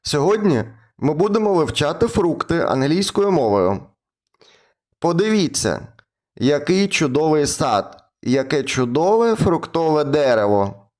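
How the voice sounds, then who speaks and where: A man's voice: fairly high pitch, sing-song, unhurried, a little mellow. A man teaching English words to preschool children, speaking patiently and drawing out words in repetition drills. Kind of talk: children's lesson narration.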